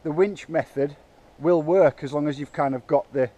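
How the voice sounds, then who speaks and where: A man's voice: a little high, moderate pace, warm tone, muffled recording. Chatty man working outdoors. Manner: chatty, hesitant, self-talk while working. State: out of breath. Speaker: bike park builder. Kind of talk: casual vlog narration. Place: outdoors in woods.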